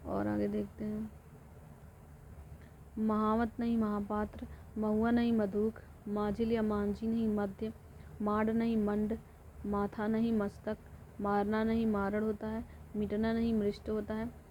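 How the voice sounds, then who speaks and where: A woman teaching an exam-prep lesson, reading through word pairs and repeating each one in a steady drilling way. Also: mid-range voice. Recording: dull lo-fi audio with faint noise.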